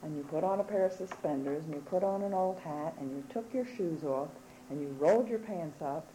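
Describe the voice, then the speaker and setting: A woman interviewer with a very low, mellow voice, reminiscing fondly as she talks. A faint hiss sits in the background, and her delivery is conversational. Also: brisk, rough recording. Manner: fond, reminiscing storytelling. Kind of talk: casual chat.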